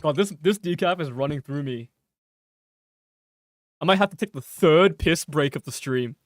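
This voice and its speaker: A man's voice: a little high, normal speed, no room sound, clean studio sound. A young man streaming a game, chatting casually and rambling, swearing freely and laughing at himself. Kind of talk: casual gameplay stream chat.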